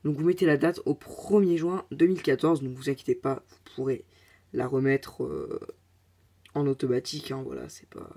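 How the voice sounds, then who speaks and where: A man narrates a casual step-by-step tech tutorial. His voice is mellow and relaxed in tone, and he talks in a halting way, full of filler sounds and offhand asides. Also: mid-range voice, gravelly. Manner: hesitant, many filler sounds, chatty asides.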